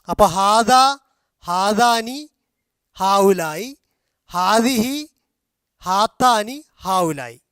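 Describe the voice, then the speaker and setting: A man teaching a language class, slowly repeating and drilling grammar forms, with a Malayali accent. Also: high voice, a bit bright, clean tone, no room sound, clean studio sound. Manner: slow, drilling repetition of forms. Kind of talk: explaining grammar in a video class.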